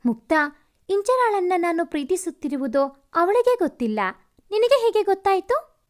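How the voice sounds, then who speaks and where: A woman's voice: extremely high pitch, sing-song, normal speed, voice pushed up. A woman voicing an earnest young man in love who blusters when he is angry.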